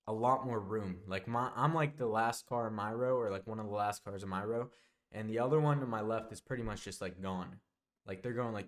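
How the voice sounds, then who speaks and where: A young man telling a casual storytime monologue, rambling and backtracking, often dropping into quieter asides. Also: medium pitch. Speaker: vlogger.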